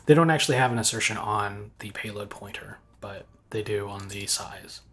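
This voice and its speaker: A man walking through his game engine code live, thinking aloud in a halting way with frequent ums and restarts. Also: fairly low pitch, fairly bright tone. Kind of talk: live coding walkthrough.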